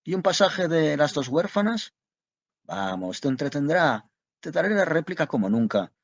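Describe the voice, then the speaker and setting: A man's voice: fairly high pitch, sing-song, normal speed, no echo, pitched above the performer's own voice. A man voicing a theatrical, grandiose male ex-actor who talks in florid, declamatory speeches. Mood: grandiloquent.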